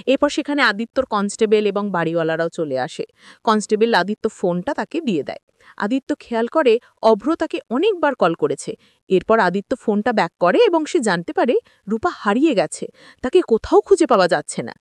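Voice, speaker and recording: Reading a scripted recap of a TV drama episode, a woman narrates from scene to scene and acts out the dialogue. Her mid-range voice is very animated and fairly quick, with no room sound in the recording.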